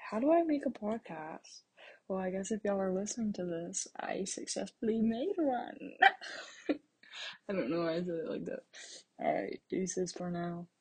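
A young woman with a husky, slightly breathy voice hosts a casual solo podcast. She rambles loosely, stops to correct herself and makes joking asides to her listeners. Her pitch sits in an ordinary middle range. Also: warm tone. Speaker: podcast host.

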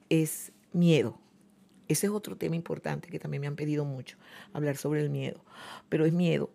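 A woman's voice: low voice, gravelly, mellow. A woman psychologist giving advice on a radio show, reflective, often repeating words as she searches for them.

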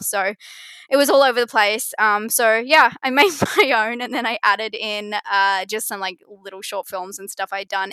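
A woman's voice: mid-range voice, pushed and bright, clear, resonant tone, no room sound. Australian woman in her thirties, chatty, self-deprecating, laughs a lot, dry close-miked sound. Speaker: film reviewer guest. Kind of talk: casual interview chat.

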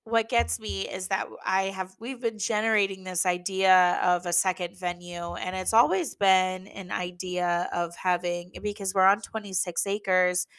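A woman's voice: medium pitch, steady tone, unhurried, few pauses, fairly bright tone, smooth. A young woman hosting a podcast, chatting casually and with self-deprecating humor about running a business, with frequent fillers and restarts. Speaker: podcast host, venue owner. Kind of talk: casual solo podcast talk.

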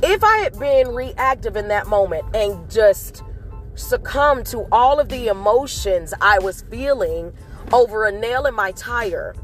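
A woman giving an earnest, casual motivational talk to her viewers, telling a story with animated acted outbursts. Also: a little high, a little slow, faint music behind. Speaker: motivational vlogger.

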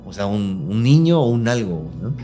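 Speaking a little fast in a lowish voice over soft background music, this Mexican Spanish-accented host recounts a real ghost story on his casual podcast. Slang runs throughout, and he gives each quote its own lively voice.

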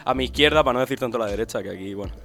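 Brief: young male podcast host, soft near-whisper delivery, faint music underneath. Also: rapid-fire, gravelly. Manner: soft-spoken, low-key. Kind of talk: casual chat.

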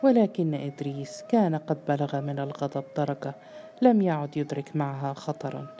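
امرأة تروي رواية بقراءة متزنة منتظمة. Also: female voice, sits low, moderate pace, mellow, soft background music. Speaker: narrator. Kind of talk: scripted narration of a novel.

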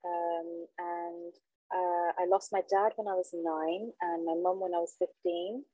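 Nervous woman, lowish voice, dull audio. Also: fairly even intonation, a little slow, no echo. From London, England. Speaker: podcast guest, trainee counsellor. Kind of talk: casual personal storytelling in interview. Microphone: handheld mic on remote call.

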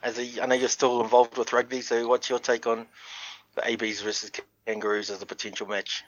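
A man hosting a casual rugby podcast in a matey, relaxed way. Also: medium pitch, fairly quick, no echo. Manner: relaxed, matey, calls guests brother. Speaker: podcast host. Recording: dull lo-fi audio.

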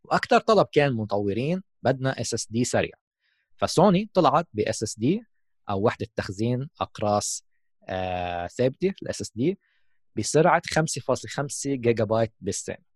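Lively, quick Levantine Arabic-speaking man. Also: medium pitch, no echo, studio quality. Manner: mixes English terms into Arabic. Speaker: host of a gaming discussion. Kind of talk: casual explanatory tech talk.

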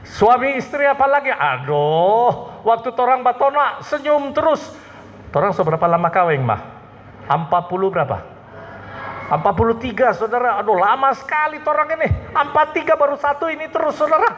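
A man with a Manado Malay accent delivers a joking, animated sermon, tossing questions to the congregation and answering them himself. His voice sits a little high and leaps around in pitch. The sound is dull and lo-fi, with a long hall reverb and a faint hiss behind it. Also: normal speed. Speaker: pastor. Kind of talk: humorous sermon with call-and-response. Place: church hall.

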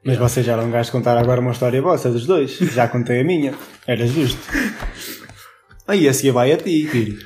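A man's voice: medium pitch, fairly quick, a little mellow, soft background music. A young man with a European Portuguese accent, telling a story in casual podcast chat, laughing often and swearing freely. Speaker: podcast co-host.

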